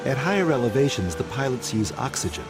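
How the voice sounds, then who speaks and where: A man's voice: mid-range voice, sing-song, fast talker, rough recording. Male documentary narrator over prominent music. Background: music bed.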